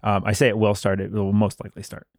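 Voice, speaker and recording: A man's voice: lowish voice, monotone, vocal fry, no room sound, clean studio sound. Man explaining game rules casually. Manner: explanatory, pauses with fillers while recalling details. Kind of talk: casual board game discussion.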